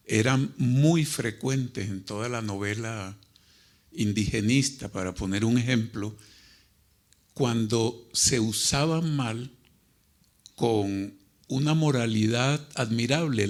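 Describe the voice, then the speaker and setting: Male panelist, measured and erudite, unhurried delivery, formal literary discussion. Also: medium pitch. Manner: deliberate, learned, formal phrasing. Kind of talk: thoughtful literary talk.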